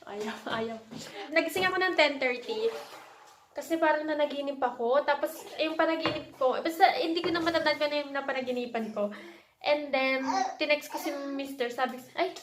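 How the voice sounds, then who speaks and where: A woman from the Philippines talks in a chatty, casual vlog voice that sits high. She sometimes coaxes a child in a gentle mommy tone. The room sounds echoey, with faint background noise. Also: fairly quick. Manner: chatty, switching to a coaxing mommy tone with her child. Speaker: vlogger and mother. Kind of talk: casual home vlog chat. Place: indoors at home, bedroom.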